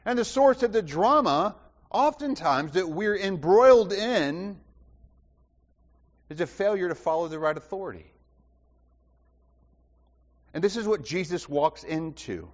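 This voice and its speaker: A man preaching with a lively, swooping delivery, piling up repeated phrases and falling to near whispers before rising again. His voice is a touch higher than most men's. The recording is dull and carries a long reverb, as in a large church. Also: a little slow, pauses often. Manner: impassioned, rhetorical repetition, swings from loud to hushed. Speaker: pastor. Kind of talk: sermon.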